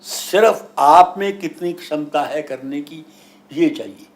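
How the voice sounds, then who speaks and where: Speaking slowly in a voice on the high side, a man being interviewed as a guru and astrologer gives a forceful, teaching-style spiritual talk. He leans on anecdotes, explanations, repetition and rhetorical questions.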